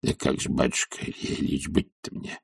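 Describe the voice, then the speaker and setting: A man's voice: extremely low pitch, flat delivery, moderate pace, creaky, husky, no echo, clean studio sound, voice pushed down, heavily acted. A man voicing a timid old servant who mumbles meekly to his master. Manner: mumbling, meek. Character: old timid male servant, grumbling and humble.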